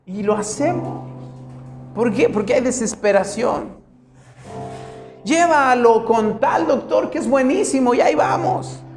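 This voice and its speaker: A male pastor preaching a sermon in a roomy, echoing church, with soft music faintly behind him. His voice sits at a middle pitch, and his delivery swings from quick, raised bursts to hushed, drawn-out lines. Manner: dramatic preaching with wide swings in loudness and pace.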